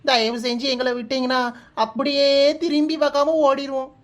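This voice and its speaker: With a natural, high voice and fairly even intonation, a woman speaks a little fast as a brash young bride-to-be in a cartoon. In a Kanyakumari Tamil accent, the character scolds, hurls insults and wails for help, sounding panicked.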